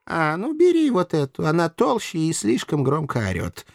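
A man's voice: fairly high pitch, huge pitch swings, moderate pace, creaky, no echo, studio quality, voice pushed up, full character voice. A man voicing a gallant, theatrical young nobleman with florid, mock-courteous speech. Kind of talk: audiobook character voice.

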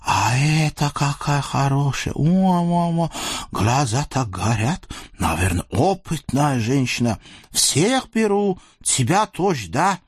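A man's voice: animated, breathy edge, dry recording, studio quality, heavily acted. A man voicing a greedy, childish sultan who talks in wheedling exclamations. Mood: leering, gleeful. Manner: shrill wheedling exclamations with drawn-out "eh". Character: greedy, childish male sultan, gleeful and fickle.

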